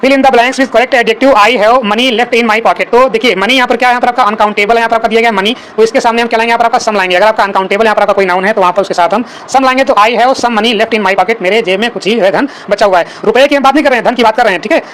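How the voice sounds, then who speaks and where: Teacher, exam coaching, talks very fast, leans on one filler word, slows down to read the questions. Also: medium pitch, fairly bright tone. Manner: rapid explaining, constantly repeats the filler "आपका" and rhetorical questions; reads English quiz questions slowly and deliberately. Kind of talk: exam-prep grammar lesson in Hindi with English examples.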